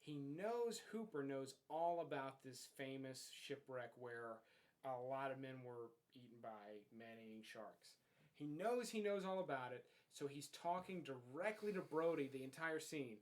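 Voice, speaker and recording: A man's voice: medium pitch, expressive, a little slow. A man hosting a casual movie review, talking bluntly and swearing freely as he comments on the film. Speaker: host of a movie review show.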